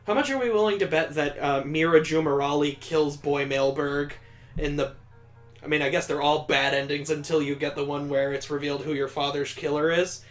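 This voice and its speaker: A man's voice: on the high side, fairly even intonation, brisk. A man giving casual, sarcastic commentary while playing a story game. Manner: sarcastic, joking. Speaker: let's play host. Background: faint music.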